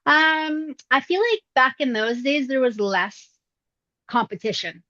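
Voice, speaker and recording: A middle-aged voice actress with a still-youthful, high voice answers interview questions indoors at her mother's home, relaxed and reflective, often pausing on fillers. The recording is dry and close, with a slightly dull, lo-fi tone.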